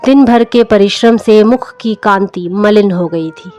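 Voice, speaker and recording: A woman's mid-range, slightly mellow voice carries an unhurried scripted reading of a literary story. She sounds like an audiobook storyteller, and background music sits under the narration.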